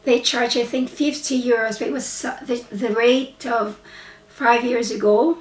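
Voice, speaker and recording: A woman with a Filipino accent talks casually to her viewers in a slow, meandering way, often stopping to correct herself. Her voice sits a little high. She sounds distant from the mic in a reverberant room. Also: steady tone. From Philippines. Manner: chatty, rambling, frequent self-corrections. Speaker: vlogger and English teacher. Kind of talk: casual chat to camera. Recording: roomy, voice from a distance.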